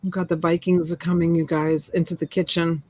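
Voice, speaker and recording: A woman's voice: on the low side, flat delivery, a little fast, mellow, dry recording. A middle-aged woman from Boston with a Boston accent, chatting casually and playfully as co-host of a live show. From Boston, United States. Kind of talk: casual chat.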